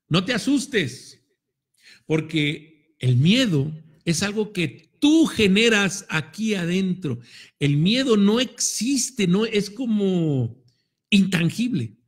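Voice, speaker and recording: A man's voice: high voice, sing-song, takes it slowly. A man with a Mexican Spanish accent giving a playful motivational talk, acting out quoted voices and swearing casually. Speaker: motivational speaker.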